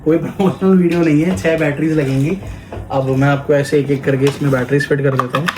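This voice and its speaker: In a brisk, steady delivery with a darkish tone and a voice that's a little high, an Indian toy shop presenter demos a product step by step. He moves between Hindi and English, and the echoey recording picks up noise and clicking.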